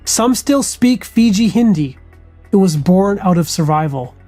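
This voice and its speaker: A woman reading scripted documentary narration in a measured, solemn manner. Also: medium pitch, animated, warm tone, dry recording, soft background music.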